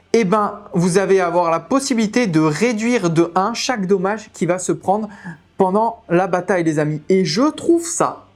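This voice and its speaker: A woman with a French accent hosting a tabletop game channel, chatting through new rules with lots of fillers and halting English readings. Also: mid-range voice, a little mellow. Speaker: tabletop game video host. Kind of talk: casual rules explanation to viewers.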